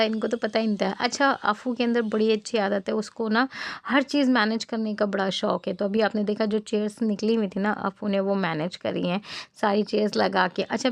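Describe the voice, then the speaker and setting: Chatty woman vlogger with a gravelly edge. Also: on the high side, dry recording. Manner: chatty, rambling storytelling to viewers. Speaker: cooking channel vlogger. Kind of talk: casual vlog voice-over.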